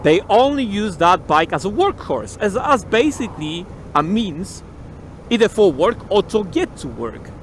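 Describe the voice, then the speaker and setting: A man's voice: high voice, a bit bright, a little hiss or hum, rough recording. Chatty man talking inside a motorcycle helmet. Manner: rambling, swears casually, repeats key words. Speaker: motorcycle vlogger. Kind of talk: casual chat while riding. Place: on a motorcycle in city traffic, outdoors.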